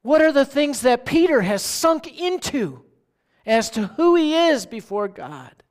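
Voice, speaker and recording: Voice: high voice, sing-song, unhurried. A pastor giving a sermon in a conversational way, often asking the listeners questions and checking in with "right?".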